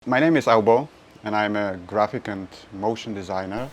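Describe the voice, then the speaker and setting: A man who is a graphic and motion designer, speaking calmly with pauses. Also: lowish voice.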